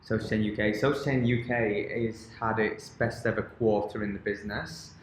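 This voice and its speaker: A man's voice: on the low side, steady tone, moderate pace, background noise. A man co-hosting a casual podcast, talking enthusiastically with lots of "um"s. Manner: enthusiastic, filler-heavy rambling. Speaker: podcast co-host. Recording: very echoey room, faint ambience.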